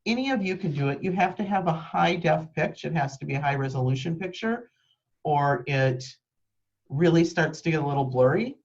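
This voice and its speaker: A woman's voice: deep voice, lively intonation, moderate pace, dull audio. A woman leading a live video-call training from her home office, explaining things practically with frequent ums. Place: home office with green screen. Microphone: webcam microphone.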